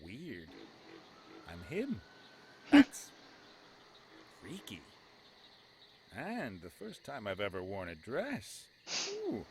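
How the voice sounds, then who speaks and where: A man voicing an eager, chatty adventurer in a fantasy video game, casual and expressive. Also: lowish voice, background noise. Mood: amazed. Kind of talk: video game character acting.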